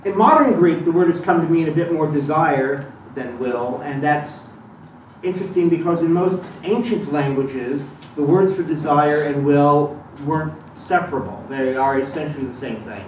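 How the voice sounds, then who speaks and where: A man's voice: on the high side, moderate pace, darkish tone, distant mic. A man giving a live lecture to an audience, thoughtful and digressive, with frequent restarts and fillers. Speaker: lecturer on Thelema. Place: lecture room. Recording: echoey room recorded from afar, faint noise.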